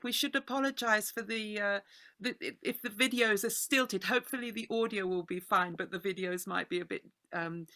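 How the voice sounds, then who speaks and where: Woman host interviewing a musician: chatty, halting, bright and forward tone, video call. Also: a little high. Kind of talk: casual interview chat.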